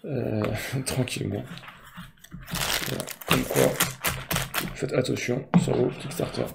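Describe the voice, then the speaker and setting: A man's voice: mid-range voice, slow, vocal fry, heavy background noise. A man hosting a casual board game unboxing video, talking in a rambling way with many fillers and restarts.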